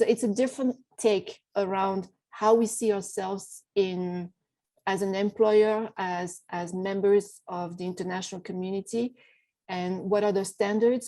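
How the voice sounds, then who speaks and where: Woman panelist on a video call, mellow and warm in tone, measured. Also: medium pitch, low-quality recording. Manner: measured and explanatory, with small restarts. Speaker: panelist from a development bank. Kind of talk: virtual panel discussion.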